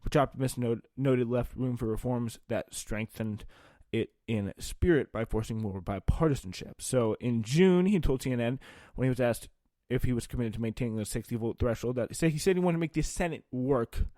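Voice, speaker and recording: A man reading news aloud and adding off-the-cuff political commentary in an informal, halting way. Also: mid-range voice, warm tone, no room sound.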